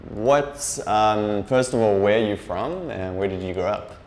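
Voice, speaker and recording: A young man, hosting a casual podcast interview in a relaxed, hesitant way. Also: fairly low pitch, measured pace, slight background noise. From South Africa. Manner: relaxed, hesitant, restarts often. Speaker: podcast host.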